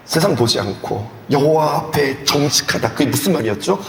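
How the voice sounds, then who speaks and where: A male pastor preaching a sermon at a youth retreat in an animated way, asking the audience questions and acting out scenes. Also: medium pitch, fairly quick, gravelly. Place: church hall. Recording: echoey hall with faint background noise.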